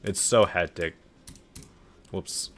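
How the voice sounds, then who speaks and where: A man's voice: sits low, takes it slowly, slight background noise. A young man giving casual live-stream commentary as he reviews game levels, offhand and dryly sarcastic, with plenty of filler words.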